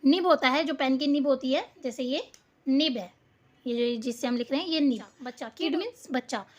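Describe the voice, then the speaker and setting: A woman teacher with a high voice, speaking in a patient classroom manner. She spells each word out slowly, letter by letter, and answers her own questions as she works through the sheet. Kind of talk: classroom lesson explaining a worksheet.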